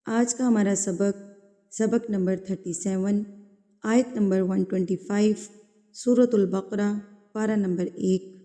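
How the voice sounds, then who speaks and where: A woman teaching a tajweed lesson, slowly reciting verses and patiently repeating sounds to correct common mistakes. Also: mid-range voice, steady tone, warm tone, big-room sound.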